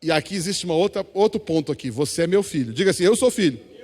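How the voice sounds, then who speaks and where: A Brazilian man preaches from the pulpit with a notably high voice, urging the congregation to answer and repeat after him. His voice rings out with the long reverb of a church hall. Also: expressive, rapid-fire, darkish tone. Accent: Brazilian Portuguese. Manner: exhorting congregation, call-and-response. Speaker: pastor. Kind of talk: sermon.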